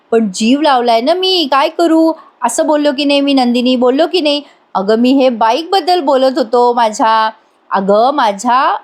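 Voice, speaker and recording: A playful young husband who coaxes and teases his upset wife, as voiced by a woman narrator. The voice stays high, because the woman telling the story does not change her own register. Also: natural voice. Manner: teasing, coaxing.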